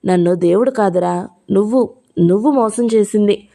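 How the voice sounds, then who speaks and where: A woman's voice: medium pitch, normal speed, vocal fry, warm tone, natural voice. Woman voicing a fierce scolding grandmother. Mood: shocked. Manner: scolding, heated outbursts. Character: fierce old grandmother, proud and sharp-tongued.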